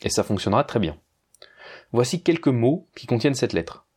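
Man teaching slow pronunciation drills. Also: medium pitch, very animated, a little mellow, breathy edge. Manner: slow, careful, repeats words for the listener; informal, addresses listener as tu. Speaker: language teacher. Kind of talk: pronunciation lesson.

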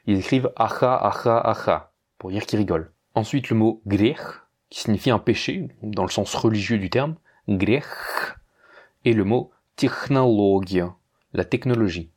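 A man giving a casual pronunciation lesson, speaking slowly and repeating words carefully, addressing the listener informally. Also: fairly low pitch, darkish tone, slightly rough. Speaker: language teacher.

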